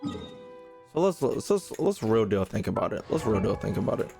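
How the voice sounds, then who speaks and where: A man's voice: fairly low pitch, big pitch swings, fairly quick, creaky, music in the background. A man streaming games, bantering with viewers in slangy, exclamatory talk and often repeating his phrases. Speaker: live streamer. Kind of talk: casual gaming stream chat.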